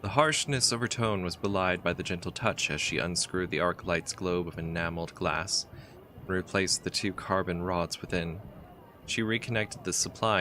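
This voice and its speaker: A man with a very low voice plays a text adventure game and reads its story aloud. He has a bright, forceful tone. He chats casually and often trips over a word and starts it again. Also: a little hiss or hum. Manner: casual, chatty, with halting restarts while reading. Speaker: game player. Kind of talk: let's play, reading game text aloud.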